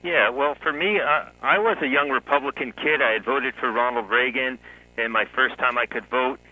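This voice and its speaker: Bright-voiced man telling his story. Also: mid-range voice, moderate pace, low-quality recording. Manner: chuckles often, relaxed storytelling. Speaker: guest author. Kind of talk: conversational interview.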